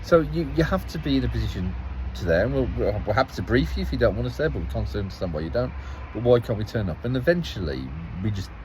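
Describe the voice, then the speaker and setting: A man's voice: medium pitch, lively intonation, fast talker, few pauses, a little mellow, a little hiss or hum, poor audio. A man giving a casual spoken account as a local parish councillor, rambling and restarting phrases as he tells the story with some exasperation.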